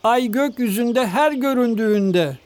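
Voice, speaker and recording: A man's voice: extremely high pitch, measured pace, darkish tone, dry recording, voice pushed up. A man voicing an old, downtrodden cat in a storybook, whiny and tearful.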